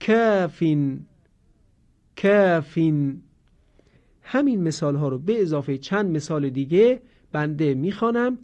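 Male recitation teacher, slightly high voice, deliberate stretched examples, dull lo-fi recording. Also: darkish tone. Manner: slow, deliberate drawn-out model words between explanations. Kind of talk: instructional lesson on Quranic pronunciation. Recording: dull lo-fi audio.

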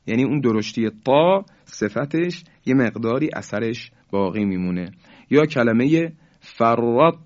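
A man teaching the rules of Quran recitation, explaining patiently and repeating example words slowly with emphasis. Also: mid-range voice, no echo, lo-fi sound. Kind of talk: religious lesson on recitation rules.

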